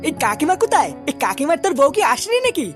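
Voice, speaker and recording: A very high, rapid-fire cartoon lad, voiced by a woman, brash and bossy. His pitch leaps all over as he scolds his pals. Music runs underneath. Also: sing-song. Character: bossy young village man, gang leader. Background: background music.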